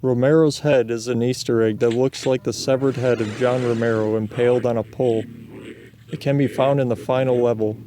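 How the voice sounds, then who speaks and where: Mellow deadpan male narrator. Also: mid-range voice, a little hiss or hum. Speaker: narrator of a video game countdown. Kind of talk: scripted narration with casual asides.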